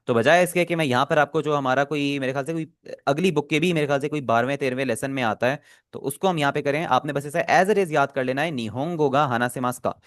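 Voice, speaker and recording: A man teaching Japanese in an online class, who patiently repeats phrases and says the Japanese words slowly for students to copy. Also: medium pitch, no room sound, studio quality.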